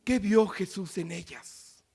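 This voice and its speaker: Man preaching, high voice, hushed readings, loud rising appeals, asks the congregation questions. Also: takes it slowly, breathy edge. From Latin America. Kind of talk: sermon.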